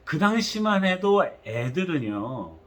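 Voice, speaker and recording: A male pastor preaching a sermon, telling the story in an animated way with acted-out quotes. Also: a little high, slow.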